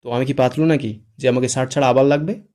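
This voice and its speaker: A man's voice: medium pitch, steady tone, fast, mellow, lightly acted. A man voicing a hot-tempered young groom who gives curt, threatening commands. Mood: bossy.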